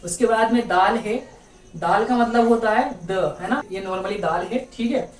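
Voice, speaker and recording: A woman teaching a beginners' language lesson, patiently repeating each letter and checking in often. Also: medium pitch. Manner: patient, repeats each letter slowly with frequent "theek hai". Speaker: Urdu teacher. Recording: roomy, distant mic with faint background noise.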